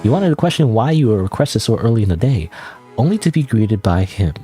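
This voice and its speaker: A man's voice: on the low side, lively intonation, fairly quick, mellow, soft background music. A man from Canada, reading game text aloud and commenting casually. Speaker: game streamer.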